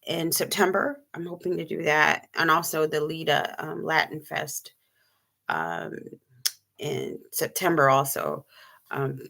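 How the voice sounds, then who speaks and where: Gravelly low-voiced woman chatting on a live stream. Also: bright, forceful tone. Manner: rambling, many ums, shows items to camera. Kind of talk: casual live-stream chat.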